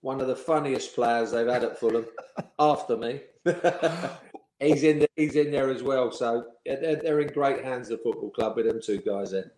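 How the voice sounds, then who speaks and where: A man, a former footballer telling lively anecdotes in an interview and chuckling as he goes. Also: medium pitch, moderate pace. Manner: lively storyteller, chuckling, acts out the people he quotes. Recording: echoey room.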